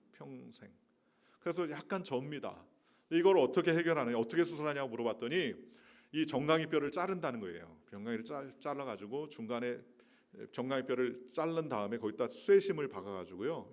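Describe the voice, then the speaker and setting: A man's voice: medium pitch, darkish tone. A middle-aged man, a missionary preacher, telling personal testimony in a sermon, with storytelling and emphatic rhetorical questions.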